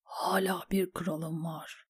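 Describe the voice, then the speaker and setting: A woman voicing a weak, feverish aging male ex-smuggler knight, moving between hoarse whispers and desperate shouts. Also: fairly low pitch, little pitch movement, slow pace, no room sound, studio quality, full character voice. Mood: hushed realization. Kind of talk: audiobook character voice.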